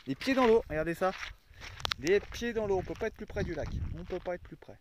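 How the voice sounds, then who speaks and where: Chatty van-life vlogger man from France, high bright voice, outdoors with faint background noise. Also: lively intonation, a little fast. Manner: chatty, talks to his dogs and viewers. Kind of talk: casual vlog chat. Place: outdoors by a lake with his van.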